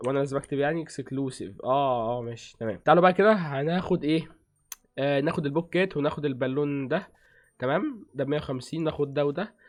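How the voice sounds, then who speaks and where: Man, Egyptian accent, gaming streamer, chatty rapid-fire commentary, slightly high voice, extremely quick talk. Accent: Egyptian Arabic. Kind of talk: casual game commentary.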